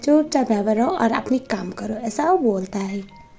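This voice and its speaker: A woman's voice: a little high, animated, moderate pace, creaky, mellow, faint music behind. A woman casually recapping a drama series, retelling scenes and quoting the characters in her own voice. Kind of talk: casual recap narration with quoted dialogue.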